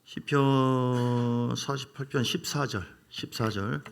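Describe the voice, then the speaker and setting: A middle-aged male pastor delivers a sermon in a gravelly voice at a middling pitch. He preaches in a lively, playful way, often leaping up in pitch for emphasis. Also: slow pace.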